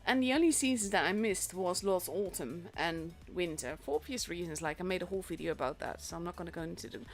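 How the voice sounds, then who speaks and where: A young woman with a fairly low voice talks fast as she casts a tournament on her live stream. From the Netherlands and a native Dutch speaker with a Dutch accent, the esports streamer rambles casually with fillers and restarts over faint stream music.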